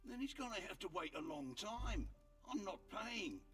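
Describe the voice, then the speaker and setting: Casting: crooked, self-righteous innkeeper-trader in a game; highish voice, swooping delivery, sly, scornful. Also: male voice, big pitch swings, normal speed, recorded from a distance, faint music behind. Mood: scornful, defiant. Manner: sly salesman patter, scornful when crossed. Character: crooked male merchant and innkeeper, smug, defiant, self-righteous. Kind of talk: video game voice acting.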